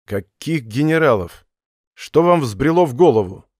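A man's voice: mid-range voice, lively intonation, a little slow, a little mellow, dry recording, studio quality. A man reading an audiobook voices a curt, irritable male spy posing as a captain, talking dismissively.

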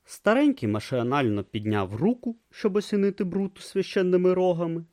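A man narrating a fantasy novel as an audiobook with an expressive, theatrical reading. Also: mid-range voice, no echo, studio quality.

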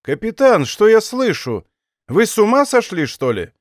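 A man voicing a proud, quick-tempered young king in an audiobook reading, haughty and sharp. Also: a little high, sing-song, no room sound, clean studio sound. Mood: furious. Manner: haughty, raising his voice in anger. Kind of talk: audiobook character voice.

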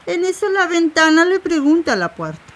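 Lively rural storytelling woman. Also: extremely high pitch, normal speed. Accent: northern Uruguayan border. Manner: animated, repetitive storytelling mixing Spanish and Portuguese words. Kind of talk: folk tale told aloud. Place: rural home.

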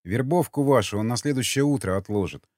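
A man's voice: mid-range voice, a little fast, a little mellow, no room sound, studio quality, close to an everyday voice. A man reading a weary, curt father. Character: weary grieving father, a stern settlement man. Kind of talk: audiobook character reading.

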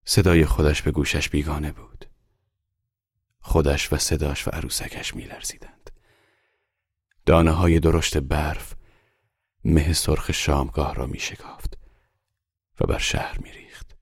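A man reading a literary short story aloud in slow, measured audiobook narration. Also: a bass voice, little pitch movement, husky, no room sound, clean studio sound.

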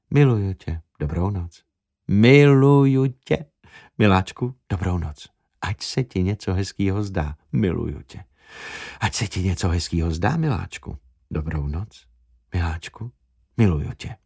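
Audiobook: male reader as shy, touchy young man, hushed and curt. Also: deep voice, pitched below the performer's own voice. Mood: whispered tender.

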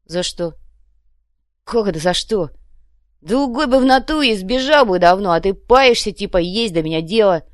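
A woman voicing a calm, lisping male savage who talks slowly and flatly. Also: on the low side, no room sound, clean studio sound, natural voice. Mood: gruff. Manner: slow, flat delivery with a lisp. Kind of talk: audiobook reading.

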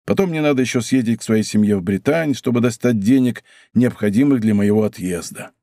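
A man's voice: on the low side, a little fast, mellow, no echo, clean studio sound, natural voice. A man voicing a boastful, good-natured musketeer who talks grandly and plays melancholy.

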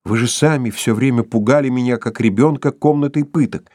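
Brief: male reader doing a scared, pleading young captive woman, pitched up, shaky. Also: a little fast, a little mellow, dry recording, studio quality, natural voice. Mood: frightened. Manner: trembling, pleading.

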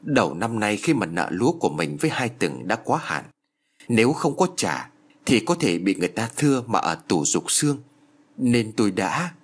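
A man voicing a remorseful old peasant father who confesses in a trembling, halting way. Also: fairly low pitch, very animated.

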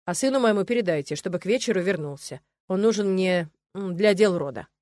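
A woman voicing an older male head of a noble clan in an audiobook, calm and slightly drawn-out. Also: lowish voice, no room sound, close to an everyday voice. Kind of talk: audiobook character voice.

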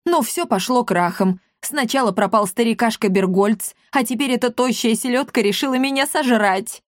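A woman's voice: on the high side, no echo, studio quality, pitched above the performer's own voice, natural voice. A woman voicing a sly male talking cat who is frightened and pleading. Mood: confiding. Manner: pleading and fast when scared.

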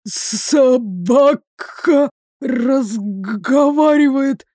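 A timid, hungover palace guard in a fairy-tale audiobook whines and wails his excuses, as a woman reader puts him on. He pleads slowly, drawing out each phrase in a raised voice. The sound is dry and close. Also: high-pitched, dark tone, no room sound, heavily acted. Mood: whining. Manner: whining, wailing, slow drawn-out pleading.

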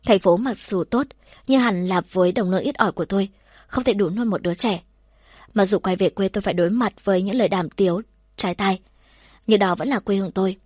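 A woman tells a first-person story in a soft, measured and heartfelt manner. Her voice sits at an ordinary middle pitch with a husky, breathy grain. The recording is dry and close, with no room sound. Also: no room sound.

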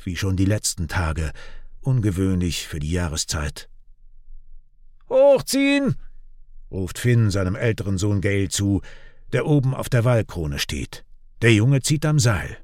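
Lively male audiobook narrator. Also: fairly low pitch, no echo, studio quality. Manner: expressive storytelling. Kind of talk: scripted narration.

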